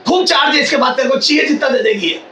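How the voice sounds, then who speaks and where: Rajasthani hindi accent guy lecturing physics loud, sharp bright voice, recorded far off. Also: very high-pitched, quick pace, slight background noise. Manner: loud, drilling, calls on students. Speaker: physics teacher. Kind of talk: classroom lecture. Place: classroom. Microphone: camera at a distance. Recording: echoey classroom, far from mic.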